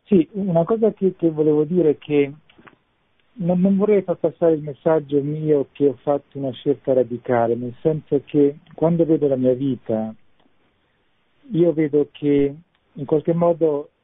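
A husky, fairly high-voiced man comes through a thin, tinny phone line. He is a priest calling in to a radio discussion, and he speaks reflectively, pausing to find the right word. The sound is dry and close. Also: dry recording. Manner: reflective, searching for words with small restarts. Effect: heard over a phone line. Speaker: parish priest phoning in as guest. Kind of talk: radio call-in testimony.

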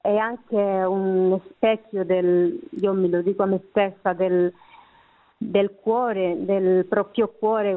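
An Italian-speaking woman gives a reflective personal testimony as a guest, searching for words, in narrow phone-like sound. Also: mid-range voice. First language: not Italian. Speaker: interview guest.

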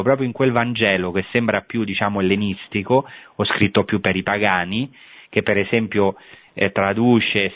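A man delivers an explanatory Bible lecture, often pausing and hesitating as he searches for the right word. His voice sits on the low side. It comes through dry and narrow, like a tinny radio broadcast. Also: no echo. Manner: thoughtful, pauses to search for words with many hesitations. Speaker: Bible teacher. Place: on site at a historic holy place. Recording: thin phone-like radio broadcast.

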